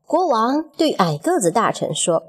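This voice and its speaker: A woman narrating a children's story in an expressive, measured storytelling manner. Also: on the high side, breathy edge.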